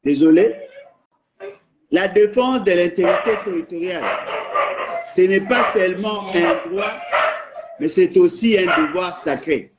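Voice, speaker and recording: A man's voice: high voice, measured pace, pauses often, highs cut off, noisy background. A man from the Congo with a Congolese French accent, delivering an impassioned political monologue that repeats its points for emphasis. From Democratic Republic of the Congo. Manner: insistent, repeats points, mixes in Lingala phrases.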